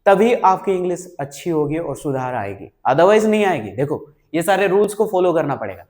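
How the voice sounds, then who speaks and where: A man's voice: fairly high pitch, sing-song, normal speed, a little mellow. A man teaching a spoken English lesson, mixing Hindi with English words and often checking on learners with short questions. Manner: repeats "ठीक है?" and "right?" to check on learners; asks questions and answers them himself.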